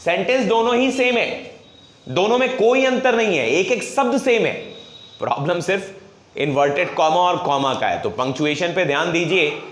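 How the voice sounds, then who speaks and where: Bright, high-voiced male teacher in an echoey room. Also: animated. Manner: explains step by step, asks and answers his own questions; drawn-out dictation of example phrases. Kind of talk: whiteboard grammar lesson.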